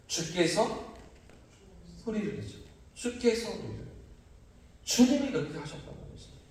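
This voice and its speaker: A man delivers a dawn sermon as pastor, pressing rhetorical questions and lifting into emphatic cries. His fairly high voice moves widely in pitch. It sits at a distance in a strongly echoing sanctuary with a faint hiss of room noise. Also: a little mellow. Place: church sanctuary. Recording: distant mic, heavy church echo.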